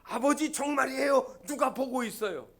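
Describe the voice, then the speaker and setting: A man's voice: mid-range voice, animated, slow pace. A pastor voicing an earnest young boy who calls out urgently to his father in a sermon story. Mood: urgent calling.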